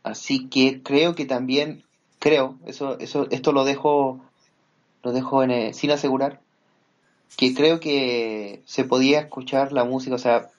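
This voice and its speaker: A man's voice: medium pitch, fairly even intonation, measured pace, highs cut off. A man in a casual chat, talking hesitantly with many fillers as he explains things.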